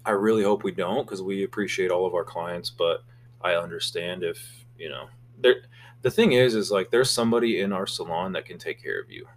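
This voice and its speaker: Low-voiced earnest young man, faint hum. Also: brisk. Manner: earnest, a little anxious. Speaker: podcast co-host, salon co-owner. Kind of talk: casual chat.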